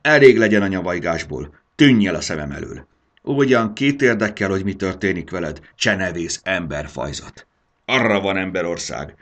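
Man voicing a fierce mother dragon, raised pitch, loud roaring scolding, gravelly, husky, storybook. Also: wildly swooping pitch, exaggerated voice. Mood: furious.

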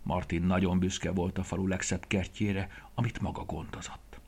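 A man reading a children's story aloud in an expressive, gentle storytelling way. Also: deep voice, slightly rough.

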